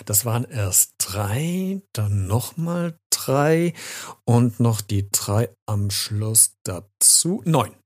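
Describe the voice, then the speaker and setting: An eager, excitable little boy from a storybook, as a man reads him. His husky voice jumps up high and swoops widely on every cry. The delivery stays bright with childish enthusiasm. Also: fairly quick. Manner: eager, exclaiming. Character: excitable young boy, robber knight's son. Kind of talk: storybook reading.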